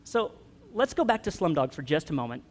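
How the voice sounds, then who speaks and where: A man's voice: fairly high pitch, very animated, a little fast. A man preaching a conversational sermon, joking with his congregation. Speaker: pastor. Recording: long hall reverb.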